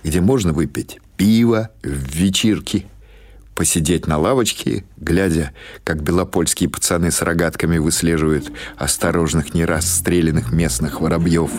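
A man narrates literary prose as an audiobook, reading in a scripted storytelling style at normal speed. His voice sits low, and music plays behind it.

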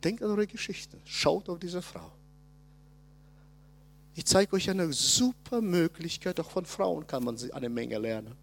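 A man, preaching a conference sermon and addressing the congregation directly, moving between loud emphasis and quiet asides. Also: fairly high pitch, lively intonation, measured pace, vocal fry, slight background noise. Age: 60s.

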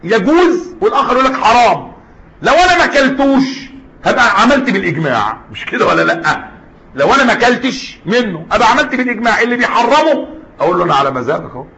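A man's voice: very high-pitched, sing-song, quick pace, sharp tone. A man with an Egyptian Arabic accent teaching Islamic jurisprudence in a class lecture, switching between formal and colloquial Arabic and putting questions to the students. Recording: dull lo-fi lecture recording.

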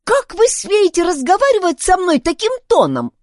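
A woman voicing a bossy, haughty young girl who speaks in a high, indignant voice in a storybook. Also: wildly swooping pitch, moderate pace, a little mellow, no room sound, clean studio sound.

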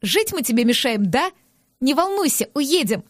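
A woman's voice: sits high, big pitch swings, normal speed, no room sound, clean studio sound. A woman doing a furious, indignant young woman. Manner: shouting, sharp and indignant. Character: hot-tempered young woman, furious and tearful. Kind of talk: audiobook character voice.

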